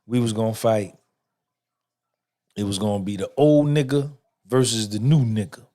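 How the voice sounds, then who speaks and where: A man's voice: fairly low pitch, steady tone, moderate pace, mellow. A middle-aged man hosting a podcast, giving an emphatic, swaggering motivational monologue full of repetition and cursing. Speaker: podcast host.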